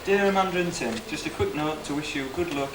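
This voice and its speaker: A man's voice: on the high side, fast talker. A man giving an informal, hesitant, self-deprecating best man's speech and reading out greeting cards. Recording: echoey room, distant mic, noisy background.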